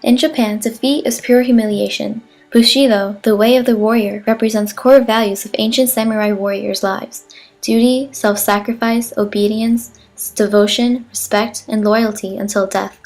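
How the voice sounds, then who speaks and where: Set against background music, a woman with a slightly high, mellow voice reads a formal script as an earnest, patriotic wartime newsreel narrator. Her tone is steady and her pace normal, with light acting and a declarative, solemn delivery.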